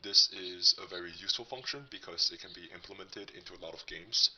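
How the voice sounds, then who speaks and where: Tutorial host, male, deep disguised voice-changer sound, husky, casual and chatty, slightly off-mic. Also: far from the mic, poor audio. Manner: relaxed, chatty, with fillers. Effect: voice changer making the voice deep and disguised. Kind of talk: casual screen-recorded tutorial narration.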